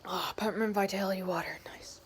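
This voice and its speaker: A woman chatting casually to camera in a rambling, easily distracted way, outdoors beside a loud street. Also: medium pitch, steady tone, quick pace. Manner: easily distracted, drifting between asides. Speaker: vlogger. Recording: outdoor traffic and ambient noise. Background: passing vehicles and outdoor ambience.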